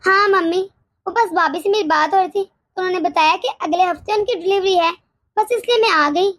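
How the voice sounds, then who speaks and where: A woman voicing a cheerful, caring young married daughter in an animated story, chatty and eager. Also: extremely high pitch, a little fast, no echo, clean studio sound.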